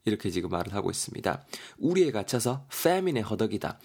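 A man's voice: fairly low pitch, sing-song, brisk, creaky, a little mellow, husky. A man, teaching English vocabulary in a playful, jokey online lesson.

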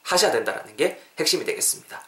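A man hosting a podcast English lesson, drilling phrases and repeating lines for listeners to copy. He explains quickly in Korean and models the English slowly. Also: fairly high pitch, sing-song, sharp tone. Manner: switches between fast Korean explanation and slow English models. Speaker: English teacher, podcast host. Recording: roomy, echoey sound.

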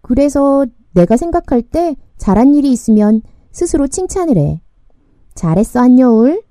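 A woman voicing a hopeful teenage girl who is shy about praise, reading her dialogue softly and earnestly from a storybook. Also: sits high, big pitch swings, moderate pace, dry recording, studio quality, pitched above the performer's own voice.

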